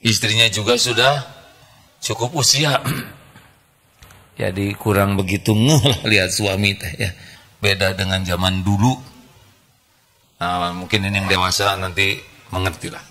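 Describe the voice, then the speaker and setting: Man in his 60s, preacher, gravelly, bright edge, folksy and humorous, handheld mic. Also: lowish voice, unhurried, pauses often. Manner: folksy, humorous, moving between soft pleading and animated emphasis. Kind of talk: sermon. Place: stage before a large indoor congregation. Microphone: handheld microphone.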